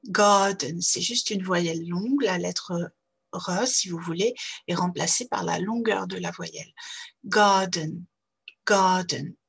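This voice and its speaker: A woman teaching English vowels to French children, saying each word slowly and repeating it with care. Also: on the low side, gravelly, breathy edge. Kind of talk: slow, careful pronunciation lesson.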